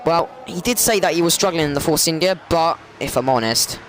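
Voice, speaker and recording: A man calls an online racing league race in a slightly high voice. His commentary rambles, corrects itself and jumps up loud and high when cars collide. A faint hiss of background noise sits under the recording. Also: a little fast. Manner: excitable, rambling, self-correcting, gets loud and high during crashes.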